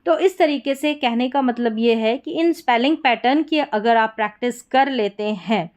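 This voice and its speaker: High-voiced woman teaching spelling. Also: moderate pace, darkish tone. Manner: spells words letter by letter, asks and answers own questions. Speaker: English teacher. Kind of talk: spelling and pronunciation lesson.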